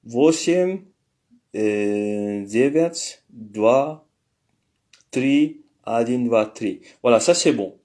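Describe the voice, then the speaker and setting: Man teaching, unhurried speech, hesitant, lots of fillers, thinks aloud. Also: mid-range voice, lively intonation, mellow. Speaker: language teacher. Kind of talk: casual spoken lesson.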